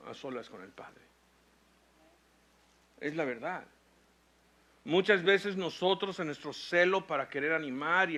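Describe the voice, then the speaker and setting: Preaching in a fairly high, sharp voice, this pastor reads from scripture and recounts a hospital story, his intensity rising toward emphatic peaks delivered in slow, weighty phrases.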